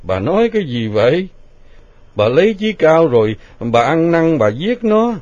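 Man voicing a stern middle-aged father, animated pitch, muffled lo-fi sound. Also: normal speed, no room sound. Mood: incredulous. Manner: stern, then incredulous. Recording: dull lo-fi recording.

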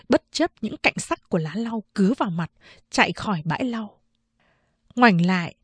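A woman narrating a novel as an audiobook, telling the story in a measured, even way. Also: mid-range voice, husky, no room sound. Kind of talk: scripted narration.

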